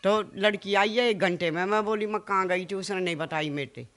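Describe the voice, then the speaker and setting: With a fairly bright, mid-range voice and a Haryanvi accent, the interviewed man's mother tells local news about a family fight. The account is emotional and pleading, delivered quickly and crowded with quoted exchanges.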